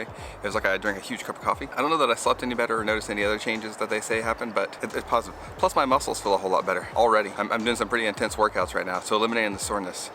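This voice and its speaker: Outdoors, a vlogger doing a cold plunge challenge talks casually to the camera. His voice is fairly low in pitch, and the background is noisy.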